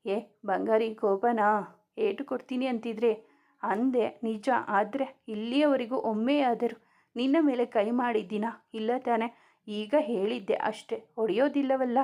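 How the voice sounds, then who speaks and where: Brief: woman reading as a loving young husband, playful and fond, in a higher-pitched voice. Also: fairly even intonation, a little slow, a little mellow. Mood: playful tender. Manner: affectionate teasing, firm when scolding. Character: young husband, teasing and protective.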